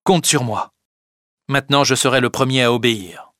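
A man's voice: mid-range voice, normal speed, fairly bright tone, no room sound, studio quality, close to an everyday voice. A man reading aloud and voicing a proud teenage boy who speaks with heartfelt gratitude.

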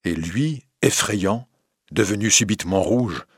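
A man narrating a classic novel aloud in a steady, measured reading. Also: on the low side, slightly rough, dry recording, clean studio sound.

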